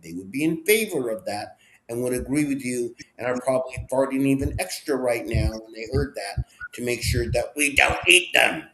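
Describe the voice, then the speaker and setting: A male talk show host ranting sarcastically about politics in an animated, mocking way. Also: mid-range voice, a little hiss or hum.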